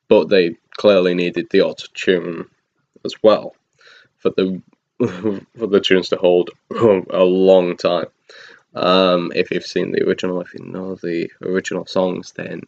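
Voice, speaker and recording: A man with a very deep voice talks through a film review in a loose, rambling way, full of ums, restarts and little chuckles. The recording sounds dull and lo-fi. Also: gravelly. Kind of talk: casual spoken review.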